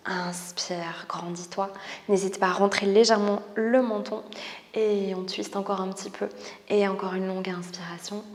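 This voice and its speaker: Calm French yoga teacher, whispered cues. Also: female voice, medium pitch, normal speed. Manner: soft, calm cueing of breath, often whispered. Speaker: yoga teacher and spiritual coach. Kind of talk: guided yoga class instruction. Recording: roomy echo with long reverb, faint background noise.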